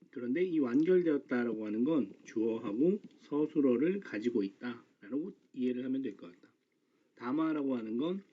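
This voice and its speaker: A male teacher giving a calm, explanatory grammar lecture in casual, informal speech. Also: medium pitch. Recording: slightly dull lo-fi recording.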